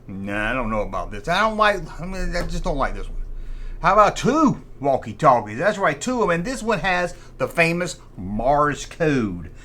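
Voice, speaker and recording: This host of a vintage toy show has a highish, sing-song voice with a fairly bright tone, speaking at a normal pace. His talk is informal and nostalgic, a rambling look back at collectible toys in which he frequently says the same things again.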